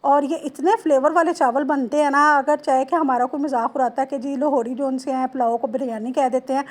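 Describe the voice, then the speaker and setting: A woman from Lahore in her thirties narrates her day of cooking in a chatty, homely way, with a Lahori accent. Her voice sits high, and she speaks straight to her viewers. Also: steady tone, fairly quick. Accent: Lahori Punjabi-tinged Urdu. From Lahore, Pakistan. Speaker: home cooking vlogger. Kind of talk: casual cooking voice-over.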